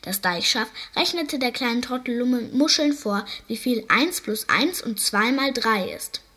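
A woman reading a children's story aloud, narrating in a calm storytelling way. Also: on the high side, a little slow.

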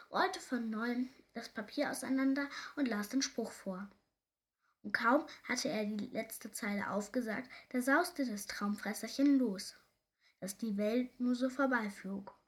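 Woman storyteller, fairy tale read aloud, fairly high voice, lively. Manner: lively read-aloud narration with small slips.

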